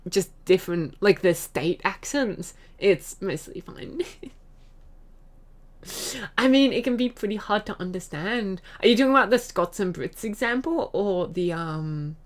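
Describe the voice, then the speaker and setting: Giggly rambling Australian woman streamer. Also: medium pitch. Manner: giggly, rambling, many fillers and restarts. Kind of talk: casual chat reading chat messages.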